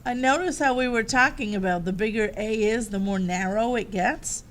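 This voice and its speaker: A woman's voice: on the high side, moderate pace. A woman teaching a math lesson, upbeat and walking the class through each step.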